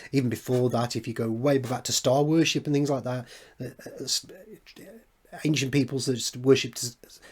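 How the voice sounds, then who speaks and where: A man's voice: mid-range voice, steady tone, normal speed, slightly rough. Rambling middle-aged man musing aloud. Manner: rambling, frequent restarts and fillers. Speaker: video essay host. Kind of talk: unscripted analytical monologue.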